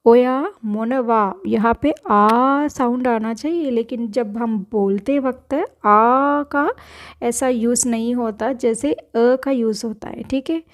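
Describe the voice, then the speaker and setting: A woman's voice: on the high side, measured pace. A woman teaching a spoken language lesson, patiently repeating each word and correcting pronunciation.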